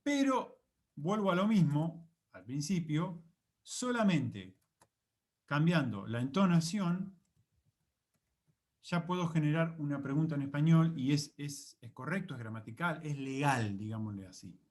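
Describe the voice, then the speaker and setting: A man with an Argentine Spanish accent explains a lesson to camera, a little higher in voice than most men. He talks in a chatty, patient way and voices his own example questions with rising tones. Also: lively intonation, measured pace, a little mellow. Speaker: English teacher.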